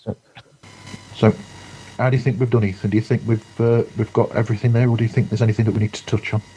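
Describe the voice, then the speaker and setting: A man's voice: fairly low pitch, level tone, fast talker, mellow, muffled recording, a little hiss or hum. A man hosting a podcast over a video call, chatting casually on a headset with frequent stammering restarts. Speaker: podcast host.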